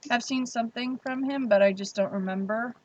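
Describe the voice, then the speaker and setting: A woman's voice: a little high, fairly quick, lo-fi sound, a little hiss or hum. A young woman hosting a casual livestream, chatting freely and reading viewer comments aloud. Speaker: livestream host.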